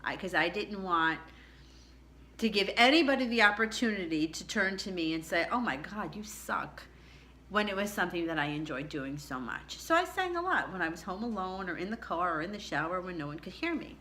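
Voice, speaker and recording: A middle-aged woman vlogger with a low contralto tells her own story to camera, chatty, candid, and laughing often. She sounds bright, forceful, animated, and fairly quick, with a faint background ambience and a little hiss or hum.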